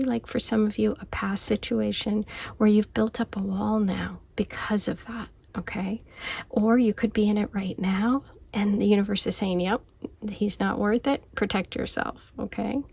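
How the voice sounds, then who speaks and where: A woman giving a casual tarot and oracle card reading in a soft whisper at home at night, intuitive and reassuring, often saying okay. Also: mid-range voice, fairly even intonation, moderate pace, creaky, breathy edge. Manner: whispering softly, often unvoiced. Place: home at night, lamp light.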